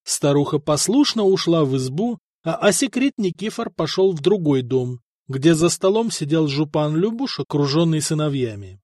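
A man reads an audiobook at an even, measured pace. His voice sits slightly high, and the recording is close and dry with no room sound. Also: dry recording. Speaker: narrator. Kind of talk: audiobook narration.

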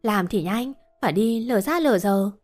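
A woman's voice: mid-range voice, lively intonation, moderate pace, darkish tone, lightly acted. A woman voicing a blunt, scolding but caring old village woman, over faint music.

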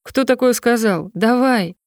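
A woman voicing a kind young prince who speaks gently and reassuringly. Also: a little high, measured pace, dry recording, studio quality, voice pushed up. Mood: gentle.

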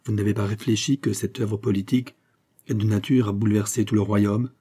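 An anxious, indignant middle-aged minister , as an audiobook reader puts him on, pleading and exclaiming in a dark, husky, low voice. The words press forward urgently. It is a storybook performance of a man of state. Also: steady tone, brisk. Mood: troubled. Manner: pleading, rising to outraged exclamations. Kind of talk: audiobook character reading.

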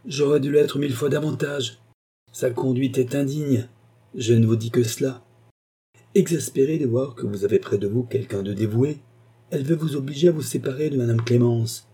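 A man reading an audiobook, voicing a gruff, blunt older nobleman. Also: mid-range voice, normal speed, dark tone, pitched above the performer's own voice, lightly acted. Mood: indignant.

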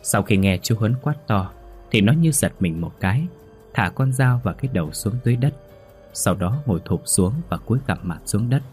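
A man reading a horror story in a steady, measured way. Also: fairly low pitch, soft background music. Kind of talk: scripted horror narration.

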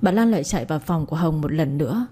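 Husky, dark-voiced woman storyteller. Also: low-pitched, lively intonation, fast talker. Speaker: narrator. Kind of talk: scripted story narration.

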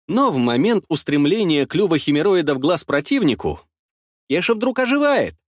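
Lively male audiobook narrator, dry close sound. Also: a little high, no echo. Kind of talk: first-person audiobook narration.

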